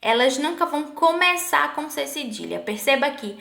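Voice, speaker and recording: A rather high-voiced woman teacher speaks patiently to her class, asking questions and stretching out example words one by one. The sound is roomy and echoing. It fits a recorded online lesson. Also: animated, creaky, sharp tone. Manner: patient, asks the class questions, slows to spell out sample words. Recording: echoey room.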